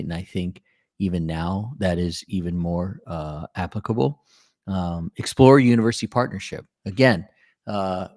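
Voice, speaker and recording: A man's voice: deep voice, darkish tone, no room sound, studio quality. A male podcast host from the Maryland area, chatting casually and joking, with lots of fillers. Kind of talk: casual interview talk.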